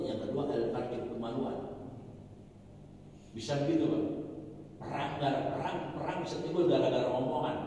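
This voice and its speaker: A man's voice: medium pitch, warm tone, a little hiss or hum. A man giving a dawn study sermon, animatedly mixing Arabic recitation with casual explanation. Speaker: preacher. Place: mosque or prayer hall. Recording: echoey hall mic from far off.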